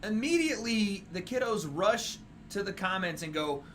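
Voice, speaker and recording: A man's voice: high voice, expressive, normal speed, a bit bright, slight background noise. A man hosting a livestream with casual, slangy, opinionated banter, often repeating his phrases. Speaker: livestream host.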